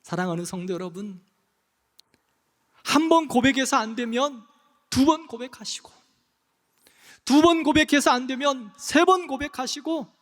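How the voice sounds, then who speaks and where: A male pastor preaching a sermon in a church, passionate, dropping soft and rising loud, slowing on key phrases. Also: very high-pitched. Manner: impassioned, swings between soft and loud, slows on key phrases. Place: church sanctuary. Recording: long hall reverb.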